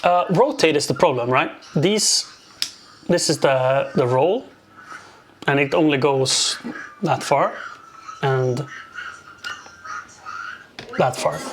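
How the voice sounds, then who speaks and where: A man hosting a livestream through a headset mic, calmly talking through a task, pausing and restarting as he thinks aloud. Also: mid-range voice, noisy background. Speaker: livestream host. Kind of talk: casual livestream chat, explaining camera rigging.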